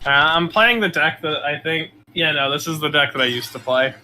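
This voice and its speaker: A man chatting playfully while playing a card game with friends, now and then shouting attack calls. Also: a little high, normal speed, a little hiss or hum. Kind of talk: casual gaming chat.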